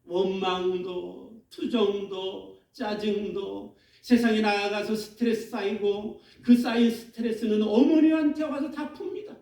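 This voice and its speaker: A man's voice: very high voice, warm tone. A man preaching a sermon as pastor, dramatic, acting out laments in a raised voice. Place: church sanctuary. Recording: echoey church hall, mic at a distance.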